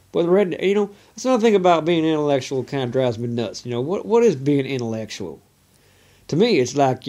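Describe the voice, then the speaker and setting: A man's voice: mid-range voice, warm tone. Man putting on a folksy Southern drawl. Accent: put-on Southern US redneck drawl. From Oregon, US. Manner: folksy, leans on "you know" constantly, loose and meandering. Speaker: vlogger. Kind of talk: casual rambling monologue to camera. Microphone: phone.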